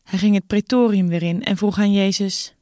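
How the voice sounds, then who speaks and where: A woman's voice: mid-range voice, steady tone, normal speed, warm tone, no room sound, studio quality. Woman narrating a Bible story.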